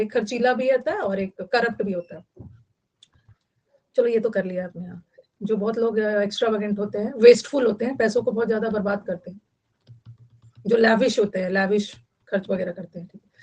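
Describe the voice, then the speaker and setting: Hindi-teacher woman, higher voice. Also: darkish tone, muffled recording. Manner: mixes Hindi and English, repeats words, quizzes students. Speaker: English vocabulary teacher. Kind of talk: online class lecture.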